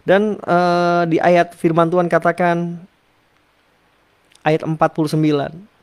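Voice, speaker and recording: A man's voice: fairly high pitch, flat delivery, takes it slowly, smooth. Earnest man preaching a sermon. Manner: earnest, often addresses the listeners directly. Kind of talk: sermon with scripture reading.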